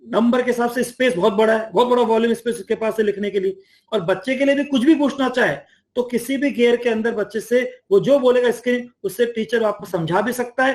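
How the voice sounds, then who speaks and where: A man explaining an online teaching platform in a lively conversational way, often acting out teachers and students. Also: extremely high pitch. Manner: enthusiastic, acts out teacher and student lines. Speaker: education platform mentor.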